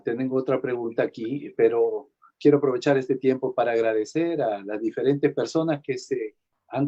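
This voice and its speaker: A man moderates a church conference, reading out audience questions in a polite, slightly hesitant way. His voice is mellow and dark, and the recording is dull and muffled. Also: medium pitch.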